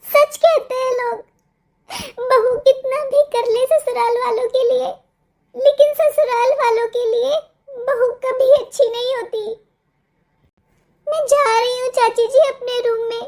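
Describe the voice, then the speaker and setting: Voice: very high-pitched, steady tone, a little slow, darkish tone. A voice actor playing a young village daughter-in-law in a cartoon, complaining and defiant. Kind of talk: cartoon dubbing.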